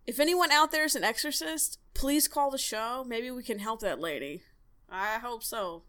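A woman playing a smooth, easygoing late-night call-in radio host with chatty on-air patter. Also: fairly high pitch, normal speed, fairly bright tone, lightly acted.

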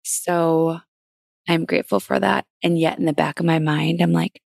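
A woman's voice: deep voice, fairly even intonation, normal speed, gravelly, darkish tone, dry recording, clean studio sound. A middle-aged woman co-hosting a podcast, talking in a rambling, reflective way with many fillers. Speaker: podcast co-host. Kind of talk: casual chat.

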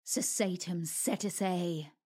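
An ancient, wrathful female wood elf sorceress from a storybook, voiced by a woman. She roars out strange words at a slow, dragging pace. The words are stilted and spell-like. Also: lowish voice, fairly even intonation, darkish tone, lightly acted. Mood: furious.

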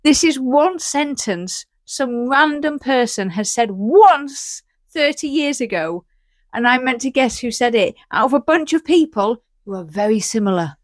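A woman's voice: high voice, animated, a little slow, no room sound. A woman co-hosting a podcast in casual chat, teasing and exasperated as she plays a quiz. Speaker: podcast co-host.

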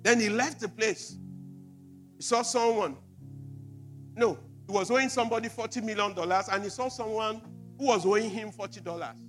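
A man preaching a sermon as pastor, repeating words with emphasis and swinging from loud to quiet. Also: high voice, normal speed, pauses often, faint music behind. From Nigeria.

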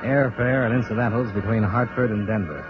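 An American actor, the lead and narrator of a 1950s radio detective drama, plays a tough, world-weary insurance investigator with a sympathetic side in clipped, first-person style. His fairly low voice moves a little fast, lightly acted, matter-of-fact and wry. The recording is a dull vintage radio one with music.

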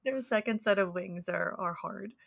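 A woman co-hosting a podcast who explains insects in a relaxed, conversational way. She keeps a middle-pitched, easygoing delivery and laughs readily, and is heard over a video call. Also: moderate pace, creaky, over a noisy crowd. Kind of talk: casual chat.

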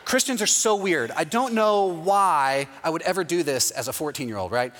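A man's voice: a little high, lively intonation, normal speed, fairly bright tone. A man from Texas preaching a sermon as pastor, telling a story and often asking the congregation "right?". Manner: storytelling with quoted voices, often asks the audience "right?". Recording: long hall reverb.

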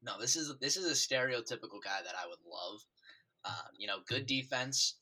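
A man's voice: medium pitch, expressive, normal speed, pushed and bright, husky. A man co-hosting a casual sports podcast, teasing his partner and giving loose, opinionated takes. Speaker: podcast co-host.

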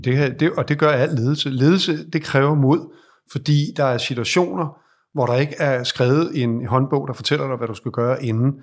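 A man with a husky, slightly rough voice talks through leadership advice in a podcast interview. He is reflective and thinks aloud, circling back and restarting his sentences as he builds his point. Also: mid-range voice. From Denmark. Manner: reflective, explains at length with restarts. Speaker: leadership advisor.

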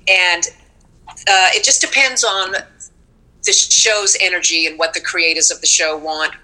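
A woman's voice: fairly low pitch, a little slow, poor audio. A woman, a stage actress, telling anecdotes in an interview and acting out the voices of people she quotes. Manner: animated storytelling, acts out quotes.

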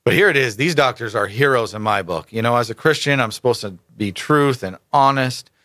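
A man's voice: mid-range voice, lively intonation, a little fast, a bit bright, no echo, studio quality. A man hosting casual political commentary, reading articles aloud with emphatic rhetorical asides and stumbling over names. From United States.

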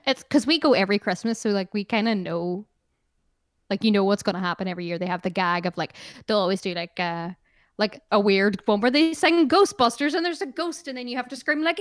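A woman's voice: mid-range voice, dry recording. Irish woman, musician guest, chatty and rambling, dry close mic. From Ireland. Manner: chatty, rambling, many fillers and laughs. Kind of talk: casual interview chat.

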